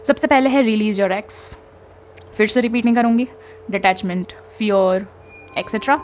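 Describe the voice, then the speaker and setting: A woman's voice: mid-range voice, measured pace, a little mellow. A young woman, giving chatty spiritual guidance as a tarot reader and often checking in with her listeners. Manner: chatty, mixes English into talk, frequent tag questions.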